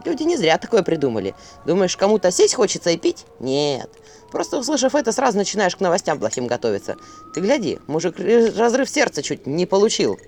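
Woman playing a snarky talking owl from a folk tale, grumbling, jumpy in pitch. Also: wildly swooping pitch, brisk, a little mellow, faint music behind. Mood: sarcastic. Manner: sarcastic, grumbling.

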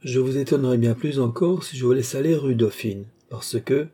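Brief: mysterious nobleman in an audiobook, read by a man, suave and teasing, raised and emphatic, mellow and a little husky. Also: mid-range voice, normal speed, lightly acted. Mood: teasing, urgent. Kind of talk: audiobook character reading.

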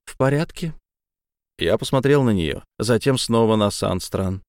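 A man narrating a first-person novel as an audiobook, in a measured, dramatic reading. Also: on the low side, expressive, a little mellow, no echo, clean studio sound.

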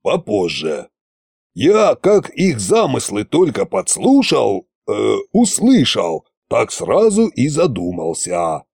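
A man's voice: mid-range voice, wildly swooping pitch, takes it slowly, vocal fry, darkish tone, breathy edge, dry recording, clean studio sound, exaggerated voice. A man voicing Koschei, a boastful, scheming old tsar-sorcerer who grumbles in folksy phrases, in an audiobook. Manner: grumbling, folksy, self-satisfied.

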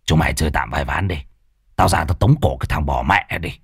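A man's voice: sits low, big pitch swings, fairly quick, dry recording, studio quality, voice pushed down, heavily acted. A man voicing a bitter, foul-mouthed old gambler who grumbles and curses. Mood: grumbling angry. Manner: gruff cursing grumble.

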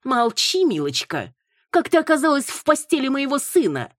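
A woman voicing a shrill, scolding mother. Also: sing-song, normal speed, dry recording, studio quality. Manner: shrill, berating. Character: scolding indignant middle-aged mother, imperious.

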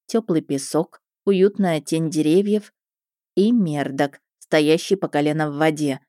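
A woman narrating a first-person story in a lively, expressive way. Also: low voice, unhurried, dry recording, clean studio sound. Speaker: audiobook narrator.

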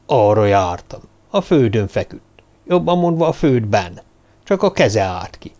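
A man's voice: fairly low pitch, very animated, darkish tone. A man voicing a simple, talkative shepherd who speaks in plain, matter-of-fact statements, in a storybook reading.

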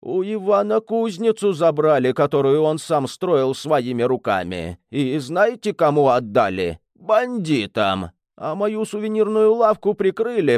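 A man voicing a poor old townsman who speaks slowly in a trembling, pleading voice. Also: on the high side, darkish tone, no echo, studio quality, pitched above the performer's own voice. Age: older.

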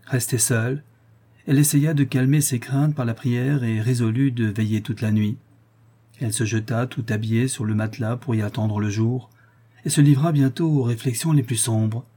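A man reading a classic novel aloud as an audiobook narrator, in a measured storytelling manner. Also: mid-range voice, steady tone, mellow, husky.

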